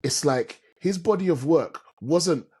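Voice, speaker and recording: A man's voice: on the high side, lively intonation, unhurried, darkish tone, husky. A man with a London roadman accent chatting casually as a podcast host, emphatic and full of slang and swearing.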